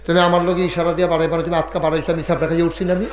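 A man preaching in a village of at a big outdoor gathering over a PA mic, teasing the crowd into call-and-response and chanting some lines slowly. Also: a little high, little pitch movement, noisy background. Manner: chatty and teasing, scolds the sound man, drawls and chants key lines. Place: large open-air gathering over a loudspeaker. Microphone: handheld mic through PA.

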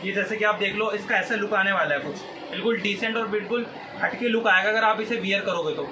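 A man, giving an eager, repetitive teleshopping-style sales pitch to camera. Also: quick pace. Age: 20s. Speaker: clothing shop presenter. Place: small indoor clothing shop. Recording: clear background noise, shop ambience.

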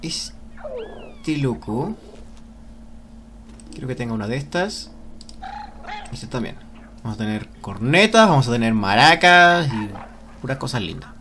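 Excitable man whooping through game commentary. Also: medium pitch, moderate pace, pauses often, noisy background. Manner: exclamatory, whooping, cheering at the game; reads on-screen game text aloud. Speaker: let's play gamer.

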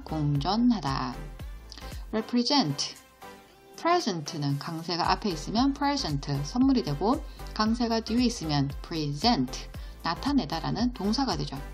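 A woman teaching an English vocabulary lesson, explaining each word slowly and patiently and asking her students questions along the way. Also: fairly low pitch. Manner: slow, patient explanation with question-and-answer prompts.

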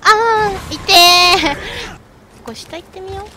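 A woman streaming a game with excitable let's-play commentary, shrieking and chatting with self-mocking asides. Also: very high-pitched, measured pace, very noisy.

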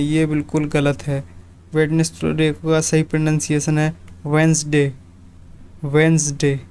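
A man teaching English pronunciation, speaking slowly and deliberately and repeating each word for practice. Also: fairly high pitch, a little mellow, clean tone. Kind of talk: pronunciation drill lesson.

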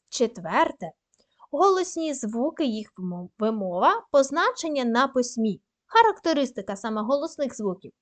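A woman teaching a primary school class, dictating slowly and carefully and praising the pupils often. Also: a little high. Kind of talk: recorded lesson for young pupils.

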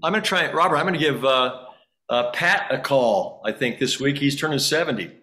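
A man's voice: medium pitch, brisk, sharp tone. A man in his sixties hosting a video call class reunion, keeping the conversation moving and checking on who is there. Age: 60s. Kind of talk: casual video call chat.

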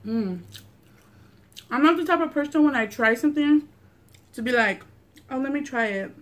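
A woman's voice: high voice, lively intonation, normal speed, fairly bright tone. Young woman chatting casually over food. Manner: informal, slangy, swearing. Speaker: mukbang host. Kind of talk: casual chat to camera while eating. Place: small furnished living room, indoors.

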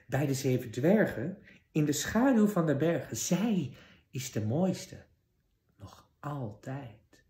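A solemn magic mirror that answers in slow, measured verse, each line weighed out, as a man reading a fairy tale puts it on. The voice stays close to the narrator's own, just slightly raised. The room gives a roomy echo. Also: fairly high pitch, animated, warm tone. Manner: slow, measured rhyming recitation.

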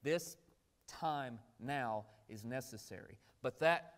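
A man's voice: medium pitch, takes it slowly, fairly bright tone. A man preaching a midweek sermon in a conversational way, asking the congregation questions and acting out the characters he quotes. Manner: acts out quoted characters in brief voices. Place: church.

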